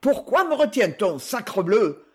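Guy reading as a stuck-up angry official, high husky voice, all bluster. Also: sing-song, unhurried, full character voice. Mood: indignant. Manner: indignant, blustering. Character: pompous, furious male government official.

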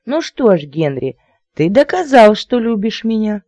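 A man's voice: high voice, sing-song, measured pace, darkish tone, dry recording, muffled recording, voice pushed up, heavily acted. A man voicing a bossy, amorous woman in her seventies with a thin, squealing voice, for an audiobook. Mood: demanding. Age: 70s.

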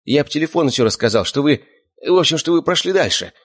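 Мужчина озвучивает робкого растерянного слугу, говорящего нервно и виновато. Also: male voice, a little high, lively intonation, quick pace, pitched above the performer's own voice. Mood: flustered. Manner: nervous, apologetic. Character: timid flustered male estate servant.

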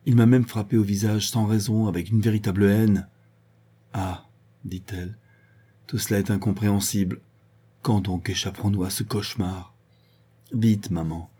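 A man narrates a classic novel, speaking the dialogue in the same even reading voice. His voice sits low and mellow, with a husky edge. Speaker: audiobook reader.

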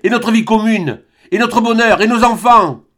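A man reading an audiobook, voicing a passionate young woman with a high, urgent, straining voice. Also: moderate pace, a bit bright. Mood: urgent pleading. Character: passionate young woman, fierce and pleading lover.

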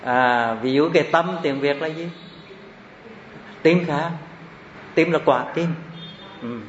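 Male Dharma teacher, slow and repetitive, quizzing the class; roomy, echoey hall sound. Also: a little high. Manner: slow, repeats terms and asks rhetorical questions. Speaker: Buddhist Abhidhamma teacher. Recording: echoey hall, slightly dull with faint hiss.

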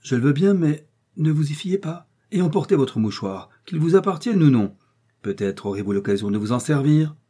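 A man reading an audiobook, voicing a young male Gascon swordsman, proud and quick to take offense. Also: a little high, sing-song, dark tone, husky, voice pushed up. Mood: defiant. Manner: touchy, proud, defiant.

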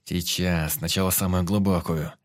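A man voicing a brisk male squad leader who gives orders while tending a wounded comrade, in an audiobook. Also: deep voice, flat delivery, close to an everyday voice. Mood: commanding. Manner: commanding, fussy. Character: brisk male squad medic, takes charge.

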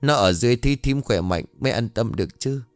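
A man voicing a kindly older village woman who gently consoles a grieving mother. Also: mid-range voice, lively intonation, quick pace, no room sound, faint music behind, lightly acted. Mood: consoling.

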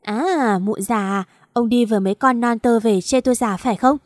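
A woman's voice: moderate pace, dry recording, studio quality, lightly acted. A woman reading an audiobook and voicing a bitter, shrewish older woman who shrieks accusations. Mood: accusing. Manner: shrill, wailing accusations.

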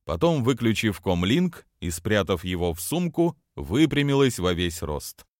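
A man narrating an audiobook in an expressive storytelling reading. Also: lowish voice, measured pace, no echo, studio quality.

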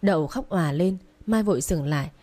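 A woman narrating a romance novel as an audiobook in a steady, even reading. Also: on the low side, brisk.

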